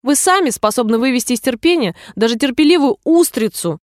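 A woman's voice: high voice, expressive, a little fast, no echo, clean studio sound, pitched above the performer's own voice. Storybook cast: a rude young crab, put on by a woman, snappy and impudent. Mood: insolent. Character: cheeky young male crab.

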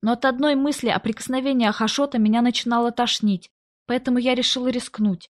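A woman narrating a first-person story in an audiobook, reading in a tense, even storytelling voice and acting out the dialogue. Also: on the high side, fairly quick.

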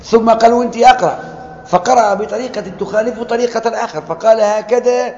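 A man with a Tunisian Arabic accent giving a classroom lecture on scripture. He talks in an animated way, acts out quoted dialogue and asks the class questions. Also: very high-pitched, quick pace. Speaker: lecturer on Quranic sciences. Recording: echoey lecture hall, dull lo-fi sound.

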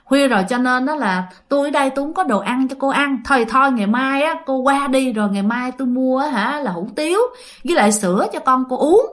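Woman doing a calm kind middle-aged guy, talks soft and plain. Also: high voice, fast. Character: middle-aged man, calm and kindly, unafraid.

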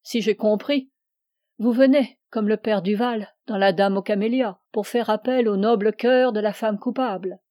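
Woman reader doing a possessive young heroine, impassioned and scornful, warm dark timbre. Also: medium pitch, no room sound, studio quality, lightly acted. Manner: impassioned, scornful, rising to cries. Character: passionate young woman, fiercely possessive lover.

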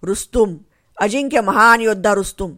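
A woman's voice: mid-range voice, moderate pace, fairly bright tone, no echo, clean studio sound, lightly acted. A woman voicing a brave young male warrior, a dying son who speaks earnestly and pleads tenderly. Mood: proud.

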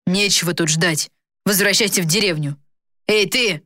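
A woman's voice: fairly low pitch, normal speed, pushed and bright, dry recording, studio quality. A woman voicing a hot-tempered young male captain who speaks curtly and impatiently. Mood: furious. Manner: gruff, curt, impatient.

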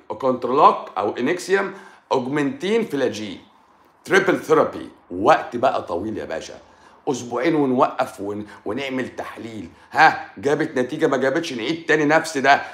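Egyptian doctor guy ranting about medicine, mocking and emphatic, mid pitch, echoey room. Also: expressive, quick pace, fairly bright tone. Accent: Egyptian Arabic. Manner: mocking, emphatic, colloquial, with English medical terms. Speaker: doctor giving a health talk. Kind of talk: animated lecture.

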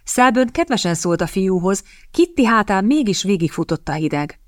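A woman reading an audiobook in a measured, even scripted narration, recorded close on a studio mic. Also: medium pitch, no echo.

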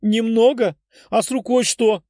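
Devoted young healer girl in an audiobook, tearful and urgent, raised pitch, put on by a male narrator, dry recording. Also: moderate pace, darkish tone, breathy edge, dry recording. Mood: worried.

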